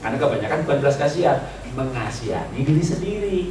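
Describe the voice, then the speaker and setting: A man's voice: fairly high pitch, lively intonation, brisk. Joking male preacher in an echoey hall. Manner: humorous, teasing the congregation and laughing often; acts out people's prayers in mocking voices. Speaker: pastor. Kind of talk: sermon at a church retreat. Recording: echoey hall, mic at a distance, background noise.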